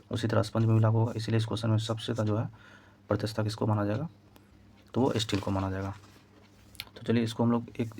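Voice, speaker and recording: A man with a low, fairly monotone voice teaches a physics lesson for exam prep. He goes over each point step by step and repeats the key terms. A faint hiss of background noise sits under the recording. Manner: repetitive, explaining step by step while writing.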